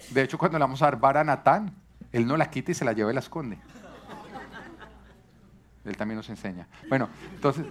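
Earnest man preaching. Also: mid-range voice. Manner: earnest teaching with rhetorical questions. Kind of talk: sermon on parenting.

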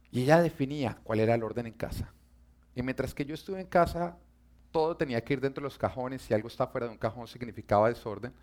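A man preaching a sermon and telling humorous stories, speaking directly to his audience in a playful, animated way. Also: mid-range voice.

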